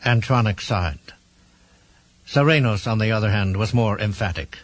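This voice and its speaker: A man narrating an audiobook in a measured storytelling manner. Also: fairly low pitch, no echo. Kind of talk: scripted narration.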